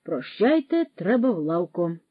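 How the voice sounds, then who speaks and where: A woman's voice: lowish voice, very animated, measured pace, husky, dry recording, narrow, tinny audio, exaggerated voice. Woman doing a curt old shopkeeper. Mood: dismissive. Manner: curt, dismissive, mixes in Russian words. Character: stubborn older male village shopkeeper, quick to anger.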